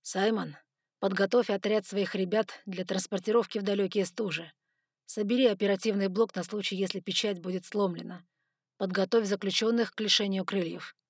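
A woman reading the part of a blunt, gruff male fire dragon leader in a storybook audiobook. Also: medium pitch, steady tone, moderate pace, no echo, clean studio sound, natural voice. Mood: commanding.

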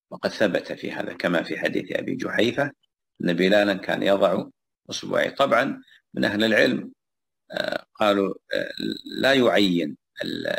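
A man giving a religious lesson, explaining a text step by step, repeating phrases and pausing with fillers as he goes. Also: low voice, gravelly, fairly bright tone, slightly rough. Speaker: religious teacher. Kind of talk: classroom lecture explaining a text.

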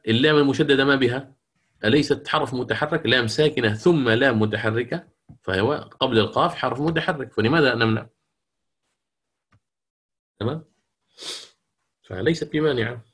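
A middle-aged man teaching the rules of Quran recitation, explaining patiently, reciting words slowly and checking that students follow. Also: mid-range voice, a bit bright, husky. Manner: closes with a long supplication. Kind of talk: lecture on Quranic reading rules.

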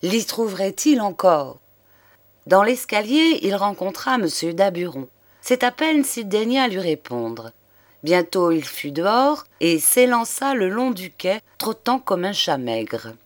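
A woman narrating a classic detective novel as an audiobook reader, in a lively, expressive way. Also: mid-range voice, a little slow, dry recording.

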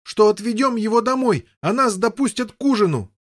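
A man reading an audiobook, voicing Gawaine, a hotheaded boy who yells in a loud, indignant voice. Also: on the high side, expressive, a little fast.

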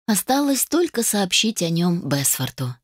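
A woman reading a first-person novel aloud as an audiobook narrator, in an even, steady manner. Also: on the low side, unhurried, dry recording, clean studio sound.

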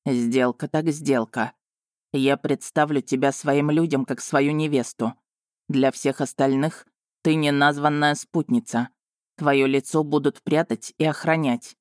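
A woman voicing a proud, brooding male dragon lord who speaks in a cool, measured, slightly mocking way. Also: low-pitched, fairly even intonation, a little mellow, no room sound, clean studio sound.

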